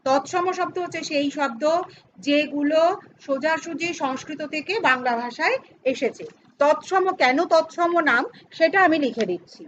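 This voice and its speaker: A woman's voice: sits high, normal speed, fairly bright tone, dull audio, a little hiss or hum. A middle-aged woman teaching a grammar lesson to students, explaining step by step and asking and answering her own questions. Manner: addresses students informally, teasing aside.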